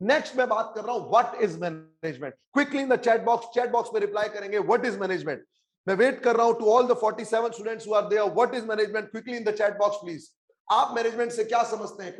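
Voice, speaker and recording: High-voiced energetic Indian male teacher. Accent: Indian English. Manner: energetic, mixes Hindi and English, urges the chat to reply. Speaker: online exam coaching teacher. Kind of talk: live online class.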